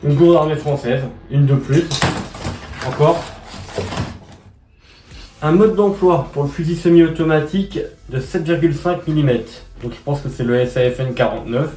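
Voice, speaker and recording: A man chatting casually as he unboxes parcels, slangy and quick to exclaim at each find. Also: on the high side, dark tone. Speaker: collector unboxing militaria. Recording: echoey room, mic at a distance, noisy.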